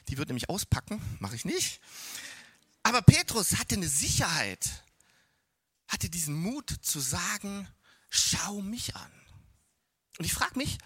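A man preaching a sermon in a church, telling stories in a lively way and acting out the people he quotes. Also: a little high, no room sound, studio quality. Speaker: pastor.

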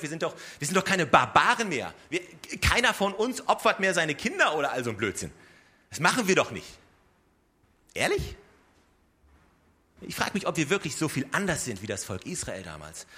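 A man delivers a sermon in a relaxed, conversational tone. His voice sits a little high and sounds bright and forward. He keeps turning to the listeners with direct rhetorical questions. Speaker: pastor.

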